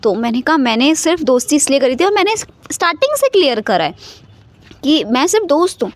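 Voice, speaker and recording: A woman's voice: high voice, big pitch swings, fairly quick, dry recording. A young woman casually telling a personal story into her phone, chatty and mixing English words into her talk, often checking in with "okay". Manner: chatty, mixes in English, keeps saying "okay". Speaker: vlogger.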